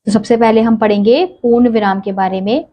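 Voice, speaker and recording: A woman's voice: on the high side, fairly quick, mellow. A woman teacher giving a classroom lesson, patiently explaining step by step and asking questions she then answers herself.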